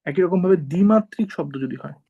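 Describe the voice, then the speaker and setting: A man teaching an informal class, walking students through each point and pausing to check they follow. His voice is gravelly with a fry, and it sits a little above the usual male pitch. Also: lively intonation, warm tone, lo-fi sound. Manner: explains step by step, often checks with "ঠিক আছে?".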